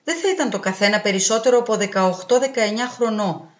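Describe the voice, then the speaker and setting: A woman reading a literary story aloud in a calm, measured way. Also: medium pitch. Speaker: audiobook reader. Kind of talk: literary narration. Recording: roomy, dull, with faint music.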